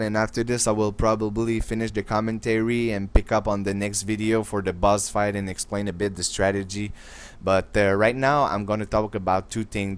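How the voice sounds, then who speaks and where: A man's voice: on the low side, clear, resonant tone. A young man giving casual, rambling voice-over commentary over a game walkthrough as the channel's host. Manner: casual, rambling, filler-heavy talk.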